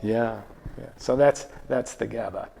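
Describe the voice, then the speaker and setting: Man, mid-pitched voice, chatty slideshow travel talk, quizzes the audience, frequent restarts. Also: measured pace, vocal fry, mellow, husky. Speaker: travel presenter.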